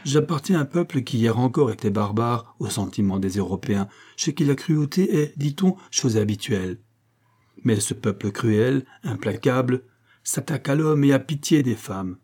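A man's voice: mid-range voice, expressive, normal speed, dark tone, slightly rough, pitched above the performer's own voice. A man reading the part of a proud, indignant Japanese baron in an audiobook, in a declaiming, oratorical manner. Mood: indignant oratory.

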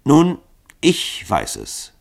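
A man voicing a cold leader who speaks in a slow, even monotone. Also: medium pitch, creaky, voice pushed up, exaggerated voice.

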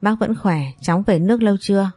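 A woman's voice: medium pitch, fast talker, warm tone, slightly rough, no room sound, soft background music, lightly acted. A woman voicing a kindly, fussing older woman in a family story. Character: kindly old grandmotherly woman.

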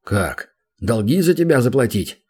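A man's voice: mid-range voice, big pitch swings, measured pace, darkish tone, husky. A man voicing a sly, mocking male demon hero who drawls dry, teasing remarks, in an audiobook.

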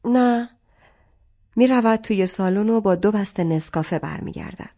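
A woman reads scripted literary narration in a calm, measured way. Her voice sits at an ordinary middle pitch. The recording sounds a little dull. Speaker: audiobook narrator.

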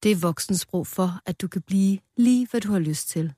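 Woman storyteller, children's story reading, mellow low tone, dry close studio sound. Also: no echo. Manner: calm, playful storytelling.

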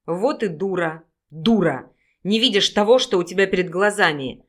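Female narrator voicing a menacing male werewolf detective, scornful and loud. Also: on the low side, normal speed. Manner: contemptuous, raises voice to shout.

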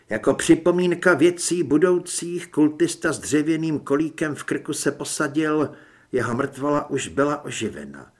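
A man narrating a first-person audiobook with dramatic, lively storytelling. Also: mid-range voice, breathy edge.

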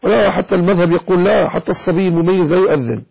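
Male sheikh, lecturing and scolding, husky and breathy, sings out prayer-call lines as examples. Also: high voice, racing, a little mellow, rough recording. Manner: chants the call to prayer to show right and wrong pronunciation. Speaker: sheikh teaching Islamic jurisprudence. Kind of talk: religious lesson explaining a text.

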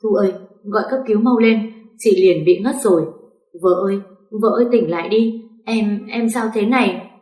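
A woman's voice: mid-range voice, moderate pace, dark tone, reverberant, voice pushed up, natural voice, poor audio. A woman doing an anxious young husband. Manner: anxious, urgent. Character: worried young husband calling to his wife.

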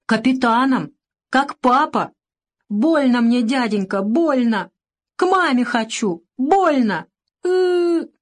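Brief: woman reading as a tearful hurt small boy, high and sobbing, storybook. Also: expressive, takes it slowly, heavily acted. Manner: sobbing, wailing. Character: crying hurt little boy, two and a half.

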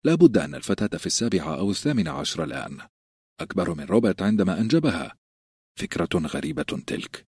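A man narrating an audiobook in a measured storytelling manner, close to the mic. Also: deep voice, a little mellow, slightly rough, no room sound. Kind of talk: scripted narration.

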